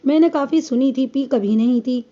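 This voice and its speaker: A woman's voice: high-pitched, mellow, highs cut off, lightly acted. A woman reading as a defiant young wife. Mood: earnest. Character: defiant young wife giving a police statement. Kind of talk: audiobook reading.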